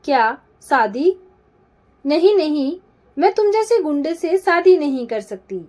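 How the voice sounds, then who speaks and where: A woman's voice: sits high, sing-song, takes it slowly, a little mellow, exaggerated voice. A woman voicing a frightened young woman who pleads through tears. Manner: pleading, trembling with fear.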